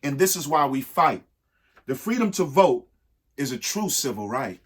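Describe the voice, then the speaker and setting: A man reads a children's picture book aloud with theatrical emphasis, dramatic pauses, and asides to the young listeners. His mid-range voice is husky and sing-song.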